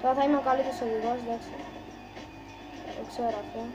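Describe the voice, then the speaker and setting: A woman's voice: fairly high pitch, fairly even intonation, music in the background. Mocking female gamer commentary. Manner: mocking, joking running commentary. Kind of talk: casual gameplay commentary. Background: game sounds.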